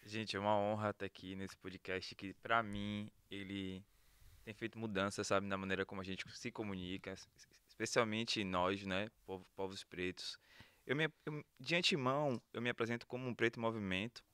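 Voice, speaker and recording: A man's voice: fairly low pitch, steady tone, moderate pace, pushed and bright, clear, resonant tone, no room sound. A man, a sociology professor and guest on a podcast, speaking in an earnest, reflective way. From Salvador, Brazil. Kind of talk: casual podcast conversation.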